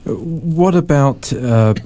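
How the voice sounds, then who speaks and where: A man hosts a religious discussion series, moderating in a conversational way and often repeating words as he frames his questions. His mid-range voice is warm and lively in intonation, and he takes things slowly.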